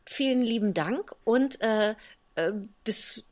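A woman co-hosting a podcast, chatting casually and a bit haltingly with fillers. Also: a little high, expressive. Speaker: podcast co-host. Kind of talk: casual chat.

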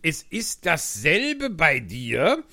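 A man's voice: fairly high pitch, wildly swooping pitch, extremely slow, gravelly, pushed and bright, exaggerated voice. A man playing a grumpy, fussy male Hatter in an audiobook reading, curt and scornful. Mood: grumbling.

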